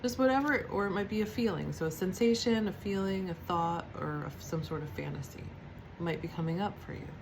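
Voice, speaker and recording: A woman with a low, grounded voice leads a gentle devotional teaching. She speaks unhurriedly and reflectively, pausing often and restarting her thoughts. A faint hum of room ambience sits behind her. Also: gravelly. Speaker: spiritual teacher.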